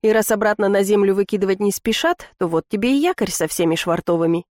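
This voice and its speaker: A woman's voice: medium pitch, quick pace, a little mellow, dry recording, studio quality, lightly acted. A woman reading an audiobook, voicing a brash adult man who is the heroine's long-lost brother, blunt and slangy. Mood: scheming.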